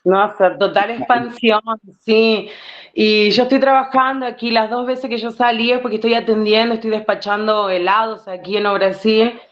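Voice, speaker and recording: A woman's voice: on the high side, fairly even intonation, normal speed, lo-fi sound. A Brazilian woman, native in Portuguese, speaks a Spanish mixed with Portuguese words, sharing earnestly and reflectively as she searches for words. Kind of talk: personal sharing in a group call.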